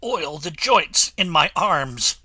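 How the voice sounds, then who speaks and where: A man reading an audiobook, voicing a rusted tin woodman who speaks slowly and sadly. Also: fairly high pitch, lively intonation, bright, forceful tone, no echo, clean studio sound, pitched above the performer's own voice, heavily acted. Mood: sorrowful. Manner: slow, sorrowful, weary speech. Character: rusted male tin woodman, sad and slow.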